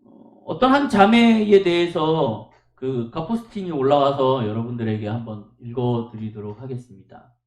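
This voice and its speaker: A man's voice: medium pitch, moderate pace, echoey room. A male pastor preaching a sermon at a church service, telling stories emphatically and asking the congregation rhetorical questions.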